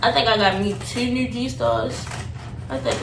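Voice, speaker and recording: A young woman vlogger tells a story in a casual, animated, slangy way, looping back to retell parts. Her voice is a little high and a little slow. The recording is roomy and echoey, with a distant mic and noticeable background noise.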